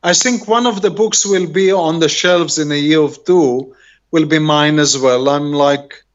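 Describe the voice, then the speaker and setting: Slow, halting Israeli man, muffled audio. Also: on the high side. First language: Hebrew. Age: middle-aged. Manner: halting, rambling, searching for words. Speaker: author, interview guest. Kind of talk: casual conversational interview. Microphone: video call. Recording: dull, lo-fi video call audio.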